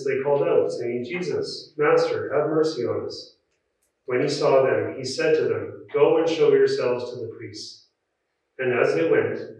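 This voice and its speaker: A man reading scripture at a church service in a measured, solemn, formal liturgical way, with an echoing cathedral-like sound. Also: medium pitch, darkish tone. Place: large reverberant church. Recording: very echoey church, distant muffled mic.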